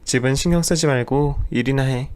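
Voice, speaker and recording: A man voicing a selfish, nagging young wife in a radio drama, talking in a sharp, dismissive way. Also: medium pitch, normal speed, natural voice. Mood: scolding.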